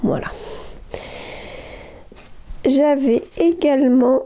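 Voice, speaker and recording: A woman's voice: sits high, extremely slow, mellow, a little hiss or hum. A woman vlogging from home about her knitting, chatting casually with lots of hesitations and gushing remarks. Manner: hesitant, many fillers and restarts, gushing. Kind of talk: casual chat.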